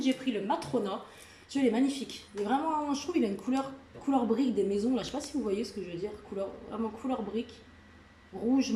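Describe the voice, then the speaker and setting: A woman's voice: fairly high pitch, darkish tone, echoey room, slight background noise, poor audio. A woman vlogging casually about a nail polish haul, chatty and gushing, with lots of filler words. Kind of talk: casual product haul video. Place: indoor room with a lamp.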